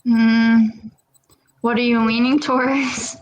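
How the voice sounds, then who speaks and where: A woman's voice: a little high, level tone, slow, faint music behind, rough recording. A woman chatting casually as a contestant in a live trivia game. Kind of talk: casual chat.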